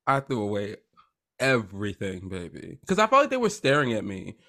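A man co-hosting a podcast, reacting in a playful, excitable, joking way in casual chat. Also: on the low side, measured pace. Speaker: podcast co-host.

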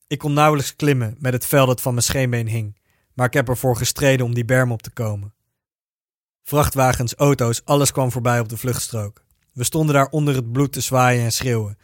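A man reading a first-person story aloud in a steady, even narrating voice. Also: mid-range voice, dry recording, clean studio sound.

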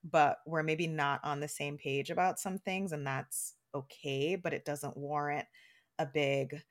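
Chatty low-voiced woman podcaster. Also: steady tone, unhurried. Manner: chatty, many restarts and "like"s, laughs easily. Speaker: podcast co-host. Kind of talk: casual conversational podcast.

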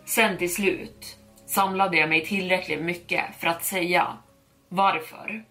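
Swedish woman reading a scary story for her podcast, lowish voice, steady and dramatic, quiet music underneath. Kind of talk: scripted horror story narration.

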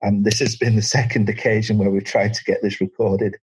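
A man hosts a casual podcast chat. His voice sits a little low and sounds husky, and he talks in a friendly way, often restarting his phrases. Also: flat delivery, a little fast, darkish tone. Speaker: podcast host. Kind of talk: casual interview.

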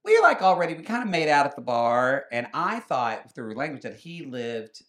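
A man in his thirties telling a story on a podcast in a casual, animated way, acting out the voices of the people in it. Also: mid-range voice, moderate pace. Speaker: podcast guest.

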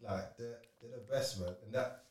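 A man's voice: mid-range voice, normal speed, a crowd in the background. A young man with a London roadman accent chatting casually and telling stories in street slang, full of "bro" and "like". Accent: London roadman, south London street slang. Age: young adult. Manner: slangy, peppers talk with "bro" and "like". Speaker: footballer guest. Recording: roomy, echoey sound.

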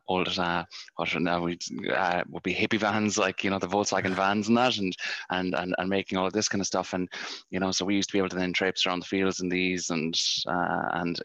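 A man's voice: low-pitched, a bit bright, no room sound. A man with a west of Ireland accent, telling casual, rambling stories as an interview guest. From County Galway, west of Ireland. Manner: rambling, conversational storytelling. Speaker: podcast guest, company founder.

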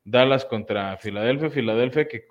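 A man's voice: mid-range voice, normal speed. A man co-hosting a casual sports talk show, breaking down games analytically. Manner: analytical, frequent fillers. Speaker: podcast co-host. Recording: muffled lo-fi audio.

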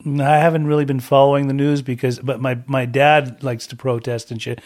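A middle-aged man born in Germany who grew up in the States, a guest in a casual chat telling his family story in a relaxed, frank way with the odd curse. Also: medium pitch, fairly quick. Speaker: podcast guest.

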